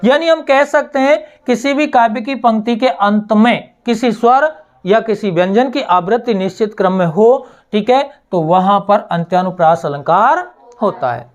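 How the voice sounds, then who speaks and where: A woman teacher giving a slow classroom explanation, asking her students questions and answering them herself, repeating key words. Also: mid-range voice, lively intonation. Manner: recites verse lines slowly, word by word.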